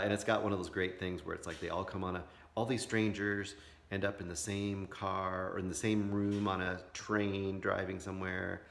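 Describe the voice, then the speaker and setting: A man in his fifties with a low, gravelly voice talks in a relaxed, rambling way. He sounds tired, as if it were the end of a long day. Faint noise sits behind him. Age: 50s. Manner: rambling, relaxed, with many fillers. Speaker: vlogger. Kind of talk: casual late-night vlog chat.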